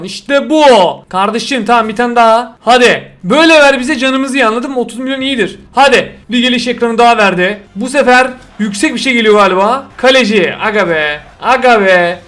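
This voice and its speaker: A man's voice: very high voice, fairly quick, few pauses, fairly bright tone. A young man giving casual commentary while opening packs in a mobile football game, cheering and groaning at the results.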